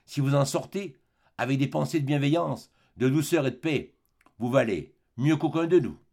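A man reading the part of a gentle, kindly old bishop in an audiobook, speaking softly and consolingly. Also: medium pitch, normal speed, creaky. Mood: earnest. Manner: soft, warm, consoling.

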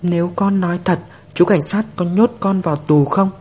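A man voicing a stubborn, tearful little girl in a storybook reading, in a high childish pleading voice. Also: moderate pace, a little mellow. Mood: sobbing.

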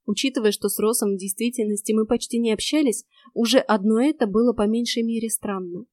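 A woman narrating a first-person fantasy audiobook in a steady, expressive reading. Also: a little high, fast, no room sound, clean studio sound.

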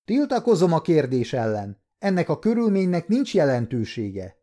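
A man voicing a sharp, protesting male defense lawyer in an audiobook story. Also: a little high, wildly swooping pitch, voice pushed up, heavily acted. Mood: indignant.

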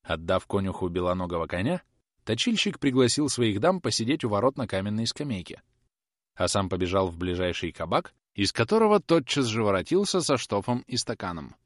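Male audiobook narrator, classic novel, animated delivery, dry close sound. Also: fairly low pitch, brisk, no room sound. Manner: expressive storytelling.

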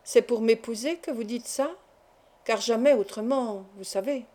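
A woman voicing a lively, teasing young working-class woman in a storybook reading. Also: mid-range voice, brisk, close to an everyday voice. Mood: shy.

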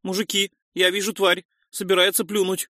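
A man voicing a panicky young male arena fighter who keeps shouting alarmed warnings to his comrades. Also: sits high, flat delivery, moderate pace, dry recording, studio quality, voice pushed up. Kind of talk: audiobook reading.

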